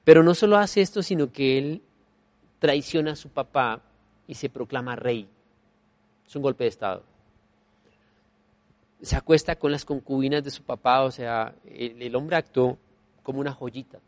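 A man preaching a sermon, emphatic, swinging between soft and loud and repeating key phrases as refrains. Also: medium pitch, moderate pace, pauses often, no echo. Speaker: pastor.

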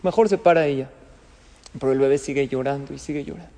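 A man's voice: mid-range voice, fast, mellow, long reverb tail. A man giving a sermon as a rabbi, telling stories and asking the listeners questions. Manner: storytelling with jokes and questions to the listeners. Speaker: rabbi and lecturer.

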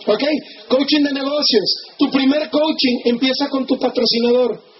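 A man's voice: very high-pitched, lo-fi sound, slight background noise. A man with a Mexican Spanish accent giving a motivational business seminar, acting out the people he quotes and checking in with the audience. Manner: animated, acts out quoted people, asks the audience for agreement.

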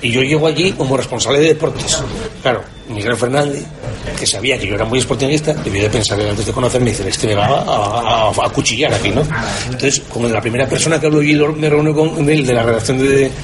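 Fast-talking Spanish man being interviewed. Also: medium pitch, a crowd in the background. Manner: emphatic, colloquial, rhetorical questions. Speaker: sports journalist being interviewed. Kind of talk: candid conversational interview.

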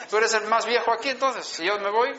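A man, telling his testimony from the pulpit in a bright, fairly high voice. He paces the story slowly, with emphatic pauses. The sound is dull and lo-fi, like an old conference recording. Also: fairly even intonation. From Sweden. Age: 60s. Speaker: preacher. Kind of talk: sermon testimony.

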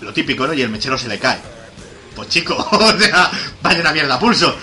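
A man's voice: fairly high pitch, fairly quick, faint music behind. A man, chatting casually on a podcast and acting out film scenes with quoted voices. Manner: animated, acts out scenes with quoted voices and laughs.

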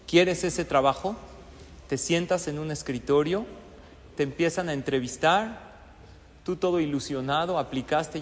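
Man, high voice, animated motivational speaker, long hall reverb. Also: slight background noise. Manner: animated, acts out scenes and asks the audience questions. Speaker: speaker addressing an audience. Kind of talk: motivational talk.

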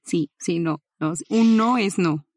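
A woman's voice: on the low side, takes it slowly, a little mellow, dry recording, studio quality. Giggly young woman telling a story. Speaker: podcast co-host. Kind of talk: casual podcast chat.

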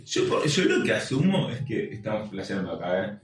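A man's voice: fairly low pitch, very animated, normal speed, distant mic. A man with a Rioplatense Spanish accent, co-hosting a casual film chat, rambling with fillers and playful riffs. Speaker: podcast co-host. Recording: very echoey, off-mic, faint music.

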